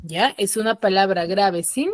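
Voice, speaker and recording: A woman's voice: medium pitch, a little slow, a little hiss or hum. A woman teaching an online class, patiently explaining and often checking that her students follow. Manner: patient, asks frequent check questions. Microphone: computer mic on a video call.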